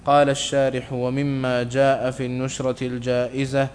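A man reading a classical religious text aloud to his teacher in a measured, careful way. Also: mid-range voice, a little hiss or hum. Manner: flat, measured recitation.

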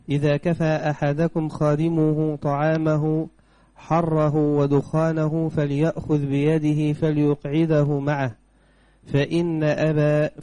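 A man reading hadith texts aloud to a teacher in a measured, formal recitation. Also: a little high, mellow, no room sound.

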